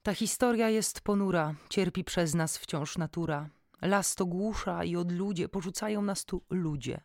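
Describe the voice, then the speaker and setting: A woman's voice: on the low side, a little slow, darkish tone, dry recording, studio quality. Woman reading as a gloomy sighing tin can.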